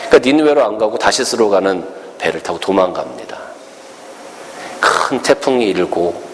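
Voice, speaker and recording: A man preaching a storytelling sermon as a pastor, animated and acting out the characters' words. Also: on the low side, long reverb tail, a little hiss or hum.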